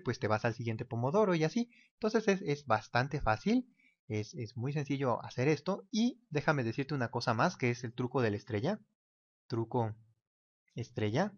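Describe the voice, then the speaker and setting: Male teacher, casual sketch-as-you-go explainer, muffled lo-fi audio. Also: mid-range voice. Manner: casual, talks while drawing, mimics ticking clock. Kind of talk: whiteboard explainer lesson. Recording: dull lo-fi recording.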